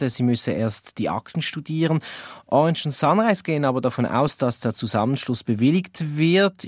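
A man's voice: mid-range voice, dry recording, studio quality. A male reporter explaining business news in a matter-of-fact way in a radio interview.

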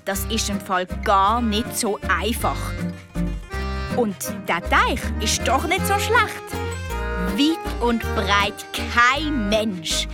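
A woman with a Swiss German accent narrating a children's story in the first person, slow and expressive in a child's voice. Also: a little high. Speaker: audiobook reader. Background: guitar music.

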